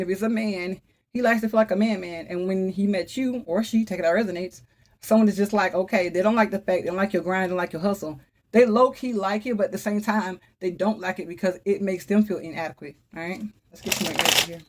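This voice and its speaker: A woman's voice: medium pitch, slight background noise. A woman giving a casual spoken tarot reading, talking straight to her viewers in a chatty, emphatic way and often exclaiming. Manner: talks straight to viewers, calls on the Holy Spirit. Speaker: tarot reader.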